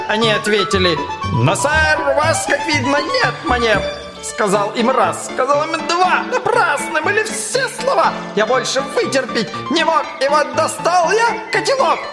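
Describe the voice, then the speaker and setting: Squeaky, haughty Humpty Dumpty. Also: big pitch swings, measured pace, long reverb tail. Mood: reciting. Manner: squeaky, rude and boastful, reciting verse. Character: grumpy, haughty egg-shaped male Humpty Dumpty. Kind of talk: audiobook character voice. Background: background music.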